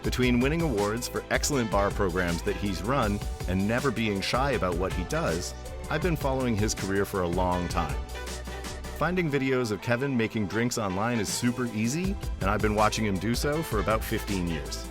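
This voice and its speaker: Guy in his 40s reading his podcast intro, lowish voice, dry self-mocking jokes, faint music under it. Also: lively intonation, normal speed. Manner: dry, self-deprecating storytelling. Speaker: podcast host. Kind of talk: scripted monologue intro.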